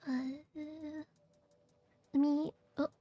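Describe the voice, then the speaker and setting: A woman streamer chatting casually and haltingly, her voice phlegmy and rattly in the chest, congested from allergies. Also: high voice, flat delivery, dark tone, soft background music. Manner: halting, hesitant, trailing phrases. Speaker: vtuber streamer. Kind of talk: casual livestream chat.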